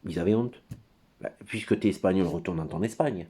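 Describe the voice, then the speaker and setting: A man's voice: low-pitched, fairly quick, warm tone, husky. A man giving a rambling, crude monologue at his computer, full of hesitations and digressions. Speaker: commentator.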